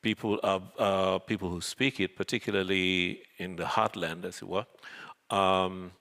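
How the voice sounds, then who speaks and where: An older man from Zanzibar, whose first language is Swahili, speaks as a guest in a panel discussion. His deep, gravelly voice is bright and forceful with fairly even intonation, and he sounds thoughtful and measured, hedging often. The hall is reverberant.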